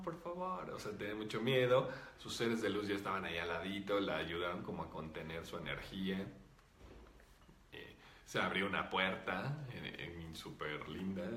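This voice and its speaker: Calm man, low voice, roomy. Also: a little hiss or hum. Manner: calm, explanatory, with many fillers. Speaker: spiritual teacher and healer. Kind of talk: casual talk answering viewer comments.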